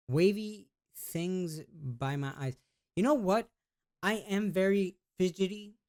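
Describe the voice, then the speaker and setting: The man's fairly high, darkish voice comes from a YouTuber's casual vlog, where he reads test questions aloud and answers them. His talk is slangy and relaxed but rambling and hesitant, full of restarts and trailing sentences.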